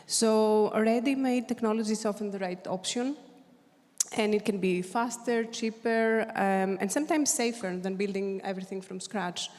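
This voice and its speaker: At a policy conference, a woman panelist works through prepared points, frequently pausing with fillers and restarting phrases. Her pitch is ordinary and slightly mellow, and the hall adds a long reverb to her voice.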